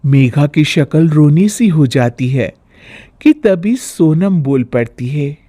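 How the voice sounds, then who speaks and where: A woman narrating a family story in a steady storybook manner. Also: deep voice, slow, no room sound.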